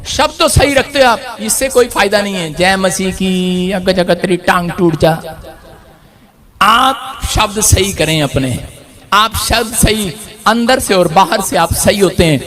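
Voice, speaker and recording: A man preaching a sermon with passion, rising to shouts and telling jokey stories. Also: high voice, a little slow, faint music behind.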